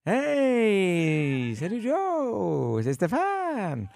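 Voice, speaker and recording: A man's voice: sits high, huge pitch swings, drawn-out words, creaky, darkish tone, no echo, voice pushed up, heavily acted. A man with a Quebec French accent voicing a rambling male buddy leaving a long, aimless answering machine message. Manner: rambling, repeats himself, aimless filler. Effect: answering machine message, spoken as a voicemail. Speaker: radio chronicler. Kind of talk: comic radio chronicle.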